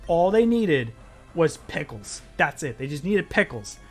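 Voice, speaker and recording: Streamer dude rambling thru a story, cussing, kinda high voice, faint game music behind. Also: male voice, big pitch swings, unhurried. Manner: rambling, filler-heavy, swears freely. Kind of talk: casual storytelling while playing a game.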